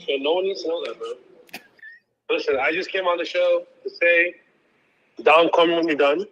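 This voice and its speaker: A man's voice: fairly high pitch, fairly even intonation, moderate pace, fairly bright tone, slight background noise. A man calling in on speakerphone, joking in a laid-back casual chat. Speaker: guest caller. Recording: dull lo-fi phone speaker.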